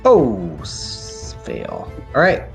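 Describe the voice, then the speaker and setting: A man's voice: mid-range voice, huge pitch swings, extremely slow, gravelly. A man running a tabletop game as game master, narrating scenes and rulings in a casual way. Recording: music behind the voice.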